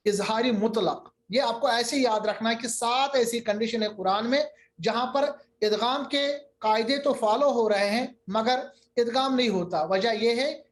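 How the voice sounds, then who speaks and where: A man teaching a Quran recitation lesson over a video call, patiently repeating terms and drawing out his recited examples slowly. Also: high voice. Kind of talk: online tajweed lesson.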